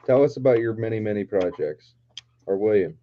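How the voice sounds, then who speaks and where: Lively, low-voiced joking man in his twenties. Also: brisk. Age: 20s. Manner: joking, swears freely. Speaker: podcast host. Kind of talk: casual chat. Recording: dull lo-fi sound with faint noise.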